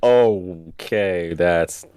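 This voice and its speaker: A man's voice: deep voice, extremely slow, a little mellow, smooth, no room sound, studio quality. A man playing an online party trivia game, talking hesitantly with many fillers as he thinks aloud. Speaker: game player. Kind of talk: casual online game chat.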